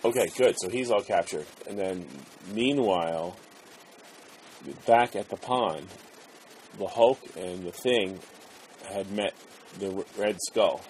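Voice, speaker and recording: A woman's voice: a bass voice, slow pace, pauses often, darkish tone, slight background noise, low-quality recording. A woman as a parent at home, patiently repeating back and prompting a child's story. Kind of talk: casual chat at home.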